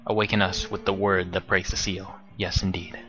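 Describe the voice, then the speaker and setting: A man's voice: low-pitched, level tone, normal speed, highs cut off, over music, lightly acted. A man voicing a polite, bookish young male scholar in a put-on British accent, formal and eager. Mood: curious.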